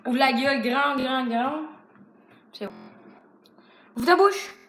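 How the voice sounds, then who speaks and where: A bossy, teasing woman with a Québécois accent runs a rowdy food challenge on camera. Her voice sits high, and she swears freely. The room is echoey, with loud noise behind her. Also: slow. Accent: Québécois French. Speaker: vlogger filming a food challenge. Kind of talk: rowdy casual banter.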